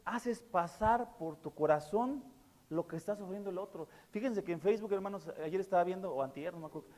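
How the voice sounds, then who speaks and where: A man preaches in a fairly high voice, earnest and fond of repeating his key words. He leans on fillers between phrases. His sermon rings with the long reverb of a church hall. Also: a little fast, a little mellow. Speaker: pastor.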